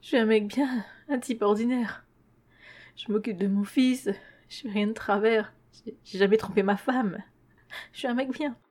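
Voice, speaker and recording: A woman's voice: medium pitch, normal speed, a little mellow, lightly acted. A woman voicing a terrified ordinary man who pleads and sobs in a story reading. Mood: frantic. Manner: pleading, panicky, tearful.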